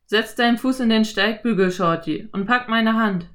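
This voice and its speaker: A woman voicing a lanky, friendly male cowboy in an audiobook, speaking loudly with an easy, self-assured drawl. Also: fairly high pitch, normal speed, voice pushed up, natural voice. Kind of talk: audiobook character voice.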